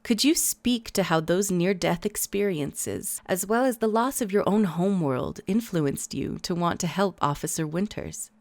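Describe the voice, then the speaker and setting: Woman as a polished interviewer, expressive, patience wearing thin. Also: lowish voice, normal speed, hardly any pauses, dry recording. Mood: polite. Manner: polite, increasingly exasperated. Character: professional TV interviewer.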